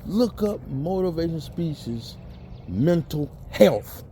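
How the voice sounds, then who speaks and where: A man's voice: a little high, animated, takes it slowly, mellow, a little hiss or hum. A man in a blunt, preachy motivational rant, cursing and mimicking people who make excuses. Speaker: motivational vlogger.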